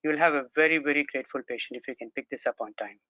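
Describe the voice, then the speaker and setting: A man's voice: medium pitch, rapid-fire, dry recording. A man from Brunei, a consultant ophthalmologist, giving a formal, courteous academic presentation, heard through a video call screen recording. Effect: captured in a video call screen recording. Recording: dry, dull lo-fi video call audio.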